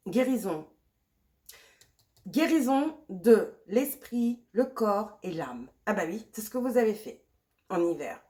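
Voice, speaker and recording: A woman's voice: medium pitch, dark tone. A woman with a cold and a sore throat gives a pick-a-card tarot reading. She talks to the viewer in a reassuring way, repeats herself and drops in English words. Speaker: tarot reader.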